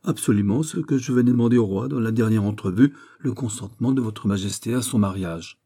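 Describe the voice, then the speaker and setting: A man voicing a calm older male nobleman who speaks in a measured, courteous and unyielding way. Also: on the low side. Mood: earnest.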